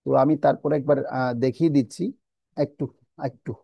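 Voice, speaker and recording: Guy teaching scripture online, gravelly, slow careful chanting, mellow and dry. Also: mid-range voice, steady tone, no room sound. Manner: slow, careful chanting of verses, then explaining pronunciation step by step.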